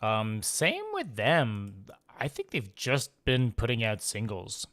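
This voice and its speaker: A man streaming live and chatting casually about songs, relaxed and rambling with lots of fillers and restarts. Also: fairly low pitch, takes it slowly, no room sound. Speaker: streamer reacting to music. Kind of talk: casual livestream chat. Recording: loud music playing behind the voice.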